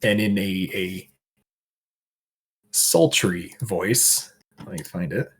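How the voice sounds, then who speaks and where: A man narrating as game master of a tabletop game, in halting, descriptive speech with many restarts. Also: sits low.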